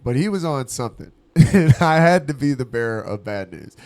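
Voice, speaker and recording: A man on a casual podcast who tells stories with lots of swearing and laughter. His voice sits at an ordinary middle pitch, but it leaps up sharply whenever he acts out someone he is quoting. The delivery stays loose and lively. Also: normal speed. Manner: animated, profane, laughs through his stories; acts out quoted voices with big pitch jumps. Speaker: podcast co-host. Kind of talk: casual storytelling chat.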